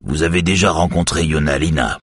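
A man's voice: extremely low pitch, a little fast, breathy edge, dry recording. A man voicing a nervous male official with a strident voice, forcing friendliness. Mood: welcoming.

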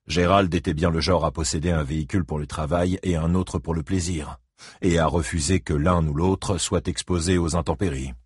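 A male audiobook narrator with a low, husky voice reads scripted narration. The recording is dry, with clean studio sound.

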